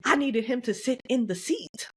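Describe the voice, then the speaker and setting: An animated woman co-hosting a podcast, speaking. She talks in a casual, heartfelt way and slips into voices to act out the people she quotes. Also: fairly high pitch, moderate pace, husky. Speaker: podcast co-host.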